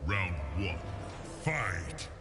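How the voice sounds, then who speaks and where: A man's voice: low-pitched, expressive, drawn-out words, over loud music, exaggerated voice. An actor playing a grave, menacing male announcer in a fighting video game, declaiming his lines. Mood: grave, commanding.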